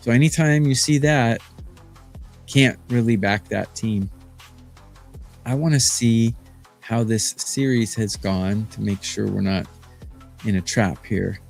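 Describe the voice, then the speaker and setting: A man's voice: fairly low pitch, slow, gravelly, pauses often, a little mellow, soft background music. A man in his fifties from Arizona, a sports betting handicapper talking on a live stream in a boastful, rambling way with lots of fillers. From Phoenix, Arizona. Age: 50s.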